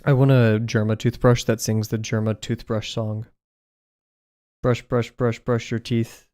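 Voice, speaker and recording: A young man live-streams himself drawing from an acoustically foamed apartment room, chatting in a rambling, self-mocking way and laughing frequently. His medium-pitched voice is a little mellow, flat in delivery and unhurried.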